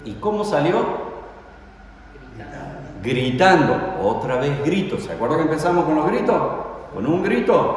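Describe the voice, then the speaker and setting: A preacher tells the story dramatically, his pitch swinging widely as he keeps asking his listeners questions. He stands well away from the mic in a church hall with heavy echo and a long reverb tail. A faint noise sits underneath. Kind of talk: sermon. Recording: echoey hall, voice from far off.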